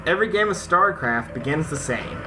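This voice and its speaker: A man hosts a gaming video in a brisk, expressive, slightly high voice, bouncing from slangy, informal commentary to reading a story aloud in a casual let's play. The background is noisy, with video game music playing.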